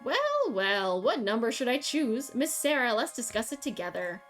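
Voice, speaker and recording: A smug, cruel young woman from a game taunts calmly, read aloud by a woman streamer. The voice sits a little high, with faint music behind it. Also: moderate pace. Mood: taunting. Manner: calm, taunting. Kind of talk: reading game dialogue aloud.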